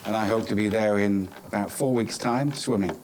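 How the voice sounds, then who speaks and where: A British man from Cornwall, England, delivers semi-formal closing remarks at a conference in a lowish voice, halting and hesitant as he speaks. He's at an indoor business school conference venue, and the recording of the room is clearly noisy.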